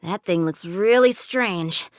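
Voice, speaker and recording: Speaking slowly in a lowish voice, a woman gives voice to a cocky, earnest, youthful teenage swordsman who is eager and confident, delivering video game character lines. The feeling is earnest and thoughtful. Sound is clean studio work without echo.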